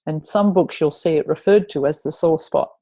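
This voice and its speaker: A woman teaching tapping points in a webinar, guiding listeners through slow repeat-after-me phrases over a video call. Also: low-pitched, warm tone. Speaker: EFT tapping instructor.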